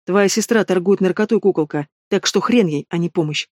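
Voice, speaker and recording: A man voicing a cold, menacing male bandit boss in an audiobook, mocking and low-voiced. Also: a little fast, a little mellow, dry recording, studio quality. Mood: scornful. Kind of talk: audiobook reading.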